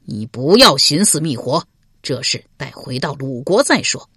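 A woman narrator voicing a suspicious, jealous middle-aged male lord in a historical novel reading, cold, sneering and deliberate. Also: extremely low pitch, big pitch swings, a bit bright, slightly rough, dry recording, studio quality, exaggerated voice.

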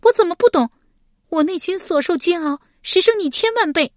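A woman voicing an angry young swordswoman in a storybook reading, sharp and loud. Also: very high-pitched, animated, normal speed, no echo, studio quality, pitched above the performer's own voice. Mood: furious. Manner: sharp, shouting in anger.

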